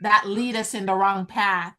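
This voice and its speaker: With a crowd audible in the background, a woman business coach hosting an online event teaches a group over a video call. Her mid-range voice is steady and unhurried, and she is earnest and encouraging, calling them guys in slow, deliberate teaching talk.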